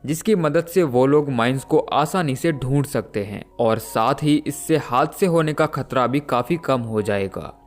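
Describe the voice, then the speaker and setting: A man narrating a film recap as a steady, scripted story. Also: medium pitch.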